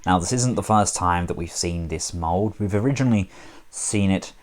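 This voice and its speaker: A man's voice: deep voice, moderate pace. A man casually reviewing a collectible action figure, chatty with wry asides.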